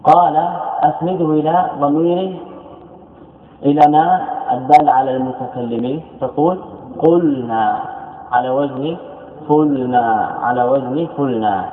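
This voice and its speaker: A man's voice: on the high side, normal speed. A man teaching a classroom lesson, explaining by repeating his points and asking himself questions. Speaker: teacher of Arabic morphology. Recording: echoey hall over a tinny phone-like line.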